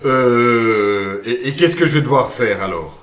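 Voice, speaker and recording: A man's voice: medium pitch, animated, a little slow, fairly bright tone. A man voicing a cheeky, naive working-class puppet man from Liège with a Liège accent, folksy and full of "hein", in a puppet radio play. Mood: puzzled. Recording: roomy sound, mic at a distance.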